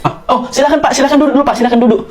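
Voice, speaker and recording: A woman's voice: high voice, very fast. Fields: A woman acting out comic skits, playfully switching between kids and mothers, often laughing. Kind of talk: comic skit acting many roles.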